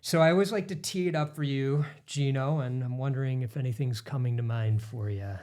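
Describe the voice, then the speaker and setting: A middle-aged man hosting a podcast, setting up the topic in a smooth, earnest way. His voice sits at an ordinary, medium pitch. He talks like a practiced presenter. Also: fairly quick, darkish tone. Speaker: podcast co-host. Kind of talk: scripted podcast introduction.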